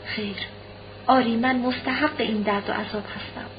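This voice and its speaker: Brief: a woman voicing a proud, despairing young noblewoman, soft and low-key, fairly high voice, muffled audiobook recording. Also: steady tone, slight background noise, close to an everyday voice. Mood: sorrowful. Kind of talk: audiobook reading.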